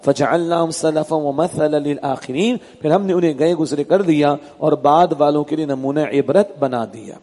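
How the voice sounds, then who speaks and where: Mellow-voiced man teaching Quran commentary. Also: a little high, in a large hall. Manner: recites Arabic verses slowly, then translates and explains.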